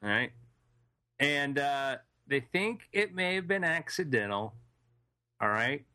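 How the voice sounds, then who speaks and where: A man's voice: medium pitch, expressive, takes it slowly, sharp tone, smooth, dry recording, studio quality. A man co-hosting a comedy podcast, playfully running a mystery game with improvised jokes. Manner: playful, jokey storyteller.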